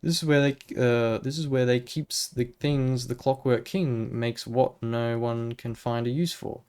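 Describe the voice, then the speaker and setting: A man reading aloud as a rough, slangy-talking worker in a video game, in a middle-pitched voice. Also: steady tone, a little slow, darkish tone, lightly acted. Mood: resigned, matter-of-fact.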